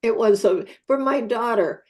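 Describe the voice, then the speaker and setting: A woman in her seventies, a support group member, sharing her experience in a slow, heartfelt way over a video call. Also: a little high, a little mellow, poor audio. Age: 70s.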